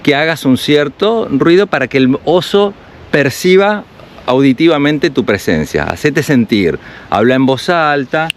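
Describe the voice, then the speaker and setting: A man's voice: on the high side, lively intonation, a little slow, a little hiss or hum. Chatty Argentine man outdoors. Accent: Argentine Spanish. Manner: chatty, reads signs aloud and explains them. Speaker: travel vlogger. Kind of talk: casual walking commentary. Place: outdoors in a mountain village.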